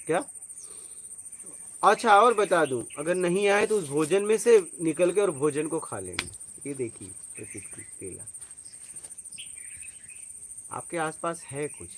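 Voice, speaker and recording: A man's voice: fairly high pitch, slight background noise. Man giving an informal spiritual talk. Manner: conversational, tells personal stories, asks listeners if they follow. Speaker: spiritual teacher.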